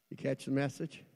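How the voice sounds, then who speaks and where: A middle-aged male pastor preaches a folksy sermon in a church, moving between quiet asides and shouting. The recording has long church reverb.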